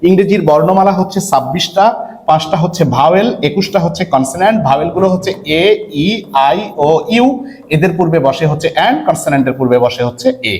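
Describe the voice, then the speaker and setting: In an online lecture for an English admission test, a man from Bangladesh asks his students questions, then answers them himself, slowly repeating words. His slightly high, slightly mellow voice has lively intonation.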